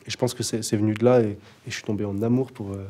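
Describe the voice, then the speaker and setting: This young man is a rapper guest in a casual interview, talking at a racing pace in a fairly low, steady, mellow voice. His manner is laid-back and hesitant, full of fillers and restarts.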